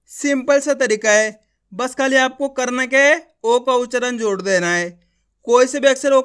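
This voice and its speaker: A man's voice: very high voice, a bit bright, clean tone. A man teaching an online reading lesson, sounding words out syllable by syllable and checking in with viewers with repeated questions. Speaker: Hindi teacher.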